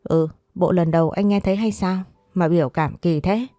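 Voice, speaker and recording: A woman voicing a calm, defiant young woman who answers with curt retorts. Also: fairly low pitch, moderate pace, no room sound, studio quality, soft background music, natural voice. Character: cool-headed young woman, sharp-tongued and defiant.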